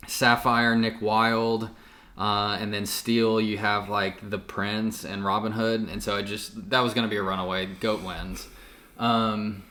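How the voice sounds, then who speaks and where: A man's voice: lowish voice, little pitch movement, unhurried, sharp tone. A man co-hosting a podcast, chatting casually with lots of fillers and restarts. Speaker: podcast co-host. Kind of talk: casual chat.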